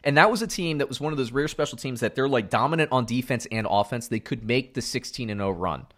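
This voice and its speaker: A middle-aged man from Central Florida co-hosts a casual sports podcast, animated and swinging between loud outbursts and muttered asides. He talks fast in a mid-range voice.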